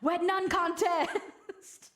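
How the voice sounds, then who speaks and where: A woman's voice: extremely high pitch, little pitch movement, extremely slow, a bit bright, echoey room. Woman streamer run through a voice changer filter, joking, some silly singing. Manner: joking, sings goofy song lines. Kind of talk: casual stream chat.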